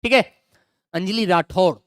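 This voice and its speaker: A middle-aged male teacher running an online exam-prep grammar class, repeating each example and coaxing students to answer quickly. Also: sits high, no room sound, studio quality.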